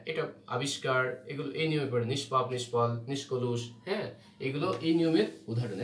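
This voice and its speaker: This man speaks at a mid-range pitch while giving a Bengali spelling lesson for exam prep. He explains with patience and often checks in by asking "ঠিক আছে?". Heard from away from the mic, the sound is echoey with a faint hum in the background.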